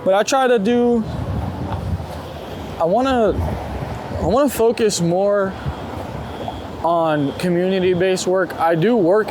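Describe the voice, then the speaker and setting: Speaking slowly in a high-sitting voice and pausing often, a man chats casually and informally, with occasional swearing. He's a street photographer interviewed while walking outdoors, and loud traffic and urban street noise fill the background.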